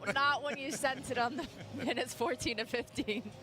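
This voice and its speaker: A woman's voice: high voice, moderate pace. A woman co-commentating live on a fitness competition. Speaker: sports co-commentator.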